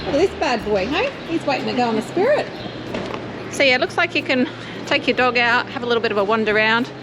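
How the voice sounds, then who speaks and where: A woman's voice: fairly high pitch, animated, fast talker, background noise. An Australian woman chatting informally as she narrates a travel vlog. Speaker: travel vlogger. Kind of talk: casual vlog chat.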